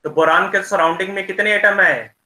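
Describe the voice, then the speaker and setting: Bright-voiced chemistry teacher in an echoey room. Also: male voice, high voice. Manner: explains slowly, checks in with students often. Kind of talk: online class lecture.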